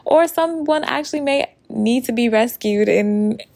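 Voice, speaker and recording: A woman giving a casual intuitive reading to her viewers, chatty and quick to laugh, sometimes breaking into song lyrics. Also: fairly high pitch, vocal fry, darkish tone. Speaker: tarot reader.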